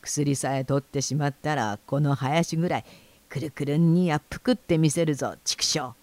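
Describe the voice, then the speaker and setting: A woman voicing a fat, greedy, quick-tempered rich man in a storybook reading, blustering and shouting threats. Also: low-pitched, dry recording, lightly acted. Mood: furious.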